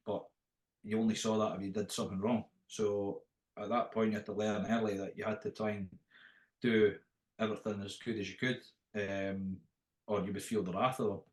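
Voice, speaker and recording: A middle-aged man with a Dundee Scottish accent talks in a fairly low voice, in an echoey room. He reminisces casually as an interview guest, rambling and often restarting his phrases. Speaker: interview guest, after-dinner impressionist. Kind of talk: casual anecdotal interview talk.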